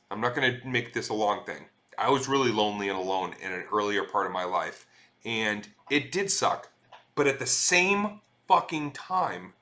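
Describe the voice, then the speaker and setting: A man's voice: medium pitch, pushed and bright. A middle-aged man chatting casually on a live stream, reading viewer messages aloud and swearing freely.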